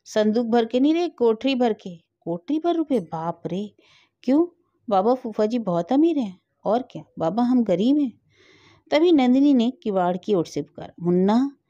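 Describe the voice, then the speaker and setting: A woman's voice: fairly high pitch, animated, normal speed, warm tone, no echo, lo-fi sound. A woman narrating a sentimental family story and reading all the parts herself.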